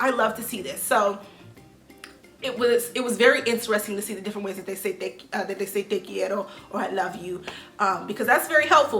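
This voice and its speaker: Animated, slangy young woman vlogging. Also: on the high side. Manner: animated, slangy, swings between loud bursts and trailing quiet asides. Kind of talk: casual talk to camera. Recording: echoey room with faint music.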